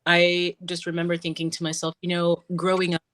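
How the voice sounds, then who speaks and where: Give me a measured woman guest from Cameroon, even-toned and dry. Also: lowish voice, no room sound. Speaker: guest comic creator. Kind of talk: interview answers.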